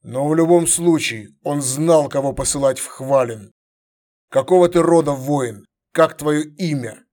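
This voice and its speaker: A man's voice: on the high side, darkish tone, natural voice. Imperious emperor, clipped and unbending, read by a male narrator. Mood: stern. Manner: curt, commanding, measured orders. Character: stern, commanding middle-aged male emperor.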